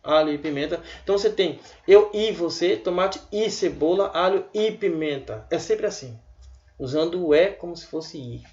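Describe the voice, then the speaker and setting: A man giving a casual online language lesson, chatty and repeating words slowly for his students. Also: fairly high pitch, animated, a little mellow, muffled recording. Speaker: language teacher.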